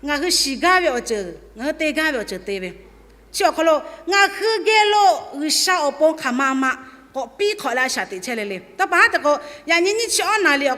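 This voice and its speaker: A woman's voice: very high voice, sharp tone. A woman preaching a sermon in a church service. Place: church hall. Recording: long hall reverb.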